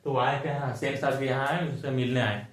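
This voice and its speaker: A man teaches a chapter for board exams in loose, colloquial speech. He keeps asking his own questions and answering them, drilling the points. His mid-pitched voice rings in a roomy, echoey space. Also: fairly even intonation, fairly quick. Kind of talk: exam-focused chapter explanation. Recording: echoey room.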